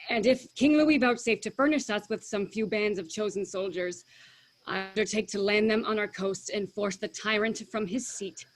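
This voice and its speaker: A woman's voice: mid-range voice, lightly acted, rough recording. A woman playing an earnest English warrior earl in a staged reading of verse drama, with formal oratory. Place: remote video call.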